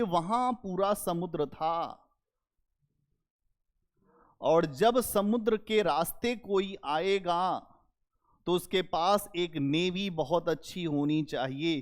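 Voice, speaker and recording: Male lecturer, slightly high voice, slow and emphatic, rhetorical classroom style. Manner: emphatic, rhetorical questions to students, slow deliberate delivery. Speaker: history teacher for civil service exam students.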